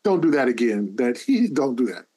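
A man's voice: mid-range voice, big pitch swings, normal speed, warm tone. A man co-hosting a sports podcast, teasing and mock-scolding a colleague in casual chat. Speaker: podcast co-host.

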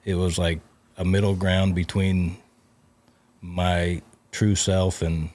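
A man's voice: sits low, little pitch movement, slow pace, a little mellow. A man who is a comedian, talking as a podcast guest in casual chat, reflective and searching for his words.

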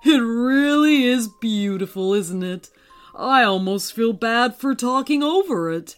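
A woman voicing a gentle, ancient male moon who speaks slowly and kindly, with an air of wonder. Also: a little high, animated, faint music behind.

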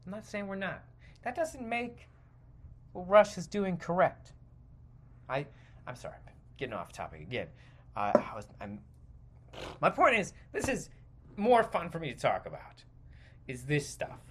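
This podcast host is an American man from the United States with a high, fairly bright voice that swings hugely in pitch, delivered at a measured pace with long pauses. Slight background noise sits behind his exasperated, foul-mouthed, emphatic rant, a comedic stream of consciousness in which he keeps repeating himself.

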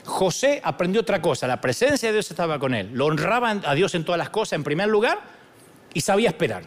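A middle-aged pastor with a Rioplatense Spanish accent delivers a sermon. His voice sits high for a man and swoops up and down with animated, joking energy. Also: quick pace. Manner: animated, joking preacher acting out dialogues.

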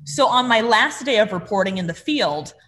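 A woman's voice: mid-range voice, moderate pace. A woman, a former television host, telling a personal story in an interview and acting out the quoted dialogue. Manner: animated, acts out quoted dialogue.

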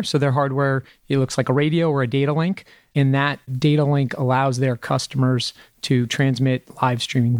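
A man gives explanatory answers as an interview guest from the business world. His pitch is average and the sound is dry and close, free of echo. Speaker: interview guest, investment executive.

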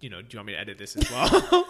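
An American man with a lowish voice hosts a casual podcast interview, racing along with huge swings in pitch. He rambles, filling his talk with fillers and frequent laughter, while crowd noise sounds in the background.

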